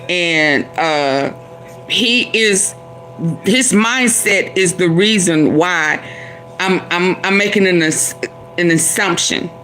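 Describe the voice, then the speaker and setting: A woman hosting, commenting on clips she played, halting with restarts. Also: on the low side, fairly bright tone, low-quality recording.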